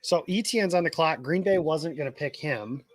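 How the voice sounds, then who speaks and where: A man co-hosts a casual live draft-night stream, calmly walking through picks and options. His voice sits at a medium pitch. The recording is dry and close. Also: normal speed, no room sound. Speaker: co-host.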